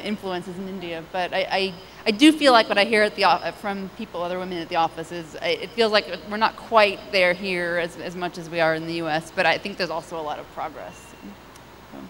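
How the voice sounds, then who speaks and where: A woman's voice: medium pitch, a bit bright. A woman in her thirties speaks on a conference panel, loose and conversational with many restarts. Her handheld mic carries a long hall reverb. A faint hiss sits underneath. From United States. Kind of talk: panel discussion answers. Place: large conference stage. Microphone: handheld microphone.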